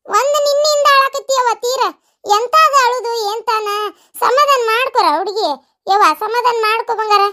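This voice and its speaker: A woman's voice: extremely high pitch, moderate pace, pushed and bright. A woman voicing fussing, consoling village relatives in a comedy cartoon, with a North Karnataka Kannada accent. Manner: scolding, consoling, folksy. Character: fussing family elders and relatives.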